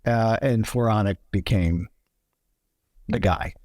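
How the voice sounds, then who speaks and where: A man, a screenwriter guest, recalls decisions thoughtfully, with frequent halting restarts. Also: lowish voice, darkish tone, no room sound.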